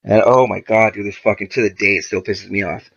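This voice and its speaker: Gravelly low-voiced man telling a story. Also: brisk. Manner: profane, animated retelling with quoted dialogue. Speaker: podcast guest. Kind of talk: casual storytelling. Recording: dull lo-fi podcast audio.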